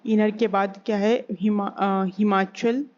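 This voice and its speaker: A woman teaching an exam-prep geography lesson, repeating key terms slowly and asking and answering her own questions. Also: mid-range voice, little pitch movement, a little mellow. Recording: slightly dull recording with faint hiss.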